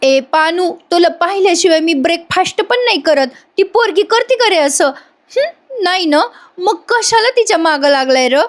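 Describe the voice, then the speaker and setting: A woman's voice: very high voice, expressive, moderate pace, voice pushed up. A woman voicing a brash, jealous young woman who taunts and bosses a young mechanic. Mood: taunting. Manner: taunting, teasing and bossy.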